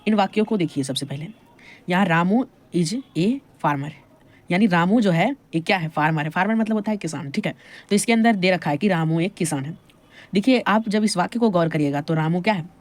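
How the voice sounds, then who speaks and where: A woman's voice: fairly low pitch, fast talker. A woman with an Indian accent explaining a grammar lesson, checking in with the viewer as she goes and asking questions she then answers herself. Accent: Indian English. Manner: repeats "thik hai" and asks questions to the viewer. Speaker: English grammar teacher.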